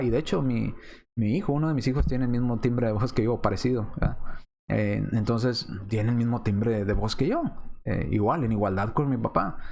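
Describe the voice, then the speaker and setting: A Mexican man teaches a Bible study lesson from slides, reasoning aloud with rhetorical questions and hesitating often. His voice is fairly low, creaky and darkish.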